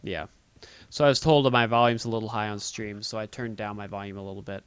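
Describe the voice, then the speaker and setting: A man with a booming voice doing live play-by-play commentary on a video game match. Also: steady tone, fast talker, clear, resonant tone, no room sound. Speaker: esports play-by-play caster.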